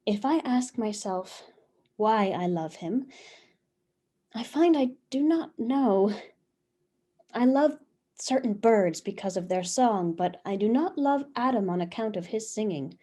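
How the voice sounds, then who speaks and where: A woman's voice: medium pitch, animated, a little slow, warm tone. An actress playing Eve as a passionate young wife, speaking earnestly and lingering over her words over a video call. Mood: devoted. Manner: earnest, lingering, heartfelt delivery. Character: first woman, passionate devoted young wife. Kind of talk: theatrical reading of a one-act play.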